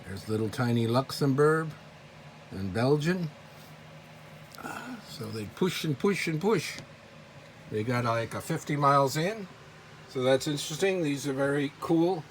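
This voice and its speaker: In this clip the collector's mid-range voice has lively intonation and a measured pace, with long pauses. He rambles informally and enthusiastically through a casual, unscripted show-and-tell of his models and memorabilia, against clearly audible background noise.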